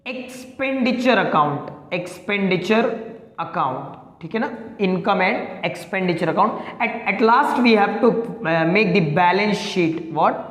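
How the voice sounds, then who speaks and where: A male commerce teacher giving an accounting lesson, mixing Hindi with English terms. He asks the class questions and answers them himself, drawing out the key words. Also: high-pitched. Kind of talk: accounting lecture to students. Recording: echoey room with long reverb.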